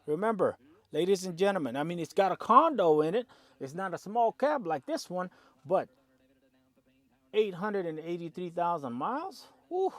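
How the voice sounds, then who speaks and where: An animated male trucker talks prices in a casual vlog, voice sitting on the higher side. He gets fired up, chuckles and throws in "man" often. The sound is close and dry, with no room around it. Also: normal speed, dry recording. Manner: animated, excitable, peppers talk with "man" and chuckles. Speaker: owner-operator truck driver.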